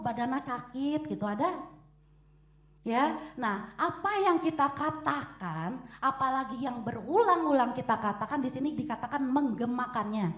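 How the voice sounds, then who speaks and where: Young female preacher, animated delivery, high voice, roomy church sound. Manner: lively, acts out quotes and echoes. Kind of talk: sermon. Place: church hall.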